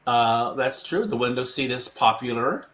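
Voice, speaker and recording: A man's voice: mid-range voice, moderate pace, a bit bright. A man from the United States, tutoring English in casual conversation practice. He repeats the student's answers back patiently and chuckles often.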